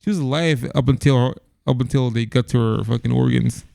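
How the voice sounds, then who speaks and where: A man's voice: mid-range voice, fairly quick, vocal fry, dark tone. A man co-hosting a casual movie podcast who often stammers, repeats words and chimes in with agreement. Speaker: podcast co-host.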